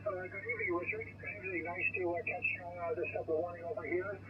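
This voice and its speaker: Male radio amateur with a high voice, courteous, muffled by a noisy crackly radio channel. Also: little pitch movement, fast. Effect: crackly two-way radio. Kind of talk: polite ham radio contact. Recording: muffled distant radio, loud static.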